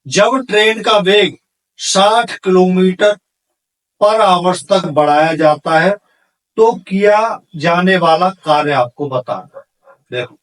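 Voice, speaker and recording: A physics teacher walks exam candidates through problems step by step, posing questions and answering them himself in an instructional way. His male voice sits high and is a bit bright. The mic is distant and the recording is low quality.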